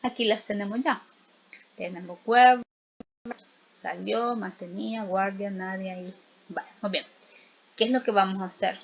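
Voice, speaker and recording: A woman teaching a spelling lesson, explaining slowly and patiently and often checking in with her students. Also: mid-range voice, steady tone, vocal fry, highs cut off, a little hiss or hum. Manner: slow, patient explaining with frequent check-in questions.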